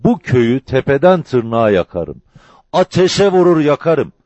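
A man's voice: medium pitch, sing-song, moderate pace, mellow, slightly rough, dry recording. A man voicing a harsh village landlord who bellows threats. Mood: raging. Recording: dull lo-fi dry recording.

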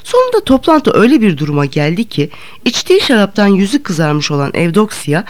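A woman narrating a literary audiobook in a measured storytelling manner. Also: mid-range voice, huge pitch swings.

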